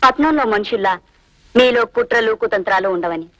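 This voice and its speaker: An actress playing a gentle, trusting blind young woman who speaks affectionately of her brother. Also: on the high side, lively intonation, brisk, very noisy, natural voice. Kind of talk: Telugu film acting.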